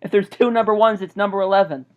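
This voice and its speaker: A woman's voice: medium pitch, fast, a crowd in the background. A woman on a casual sports podcast, talking hesitantly and repeating her words. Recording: dull lo-fi internet call audio.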